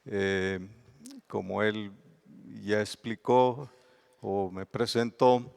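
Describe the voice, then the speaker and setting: Gravelly Mexican man lecturing on bees. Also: fairly low pitch, steady tone, drawn-out words, a little mellow. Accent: Mexican Spanish. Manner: explanatory, defines terms with examples. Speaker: bee researcher giving a lecture. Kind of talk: conference lecture.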